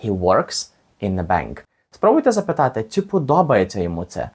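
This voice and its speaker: A man teaching a language lesson step by step, patiently saying each phrase slowly and repeating it for the learner. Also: on the low side, huge pitch swings, a little mellow, husky.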